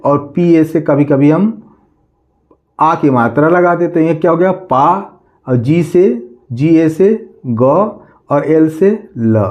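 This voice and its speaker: A man teaching a class, slowly spelling words out letter by letter, asking questions and answering them himself. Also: a little high, lo-fi sound. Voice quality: slow, drawn-out letter-by-letter spelling, repeating questions.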